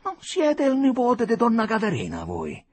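A man's voice: extremely high pitch, huge pitch swings, normal speed, breathy edge, no room sound, soft background music, pitched above the performer's own voice, heavily acted. A man reading a story aloud, voicing a blunt, loyal old veteran who asks insistent questions.

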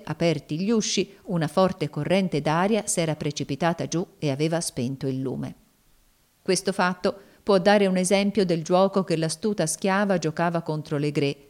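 A woman narrates a classic novel in a measured, subdued audiobook style. Her voice sits a little low and stays quiet.

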